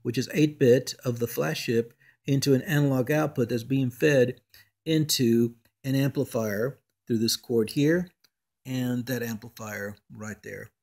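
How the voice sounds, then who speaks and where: In an off-the-cuff demonstration, a hobbyist electronics man walks through technical details at a careful, stop-and-start pace. He has a mid-range, gravelly voice with a slightly mellow quality.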